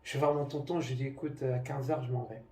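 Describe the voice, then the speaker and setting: A man's voice: mid-range voice, steady tone, fast, warm tone. A man giving a personal testimony to a congregation, acting out the dialogue with many fillers. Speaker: church member giving a testimony. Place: congregation meeting room. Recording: echoey room, distant mic, faint noise.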